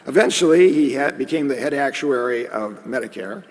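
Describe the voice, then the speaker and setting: A man's voice: mid-range voice, expressive, normal speed. A man giving a conference lecture in a conversational way, with joking asides. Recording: long hall reverb.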